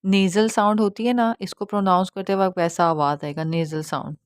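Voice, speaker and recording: A woman gives an online Quran recitation lesson, explaining patiently step by step, often checking that listeners follow, and drawing out nasal sounds slowly as examples. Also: medium pitch, fairly even intonation, clear, resonant tone, no room sound, studio quality. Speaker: Quran tajweed teacher.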